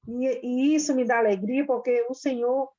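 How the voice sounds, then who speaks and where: Slow, mellow Brazilian woman host. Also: fairly high pitch, fairly even intonation, dull audio. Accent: Brazilian Portuguese.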